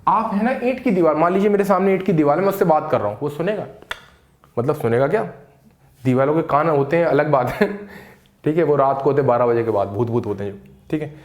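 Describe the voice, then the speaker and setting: A man teaching idioms in a casual lesson, explaining in Hindi and reading examples slowly. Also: a little high. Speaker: English teacher. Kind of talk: casual spoken English lesson. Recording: echoey room.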